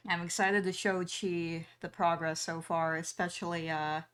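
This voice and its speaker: Young woman artist streaming, lowish voice, easygoing chat w/ viewers, lots of ums. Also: normal speed, smooth. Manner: relaxed, chatty, reads chat aloud, frequent ums and small laughs. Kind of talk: casual chat while drawing on stream.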